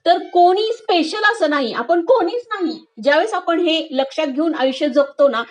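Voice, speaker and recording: A woman's voice: extremely high pitch, animated, moderate pace. A woman vlogger talking to her women friends, telling a moral story in a casual, conversational way. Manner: warm, conversational, addresses listeners directly.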